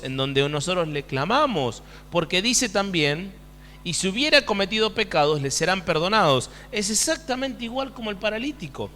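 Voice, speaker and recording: Animated preaching man, bright voice. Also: a little high. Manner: animated preaching with rhetorical questions to the congregation. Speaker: pastor. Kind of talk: sermon. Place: church hall. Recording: church hall with long reverb.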